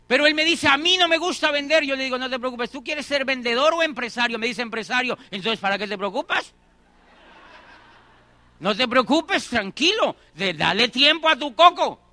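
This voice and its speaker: High, bright-voiced man telling stories. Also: lively intonation, normal speed, no echo. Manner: repeats phrases for emphasis, acts out dialogue. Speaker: motivational speaker. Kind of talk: motivational talk with acted anecdotes.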